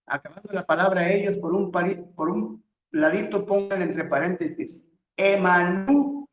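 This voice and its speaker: A man's voice: sits high, moderate pace, echoey room, dull audio. A man giving a verse-by-verse scripture lesson, methodically telling his listeners which words to underline and circle. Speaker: Bible teacher.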